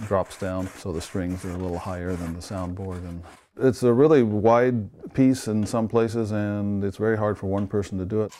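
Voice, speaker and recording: A man from Sweden who builds instruments, explaining his work in an interview in an unhurried way with fillers. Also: sits low, noisy background. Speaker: instrument maker.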